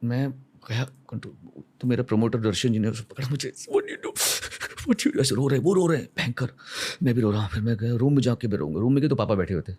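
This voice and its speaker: A man's voice: mid-range voice, quick pace, a little mellow. A man in his fifties from India, a singer and podcast guest, who tells heartfelt stories earnestly and slips into quoted prayers and dialogue. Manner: heartfelt, retells emotional moments with intensity. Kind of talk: reflective podcast storytelling.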